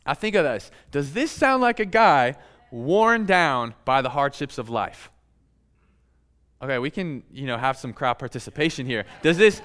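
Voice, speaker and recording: A man preaching a sermon in a relaxed, conversational way, with playful asides to his congregation. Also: fairly high pitch, clear, resonant tone. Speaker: pastor.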